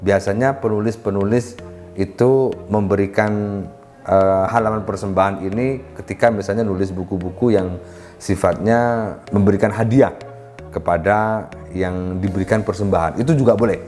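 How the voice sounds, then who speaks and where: Man, low voice, instructional lesson, lists points in order, polite address, faint music behind. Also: fairly even intonation, moderate pace, darkish tone. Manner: addresses listeners as "Bapak Ibu", lists points step by step. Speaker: writing instructor. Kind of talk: explanatory lesson.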